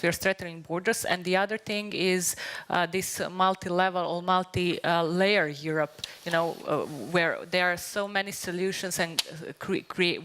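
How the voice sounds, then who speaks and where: A woman panelist making a point in a discussion, speaking haltingly with many fillers and restarts. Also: lowish voice, a bit bright.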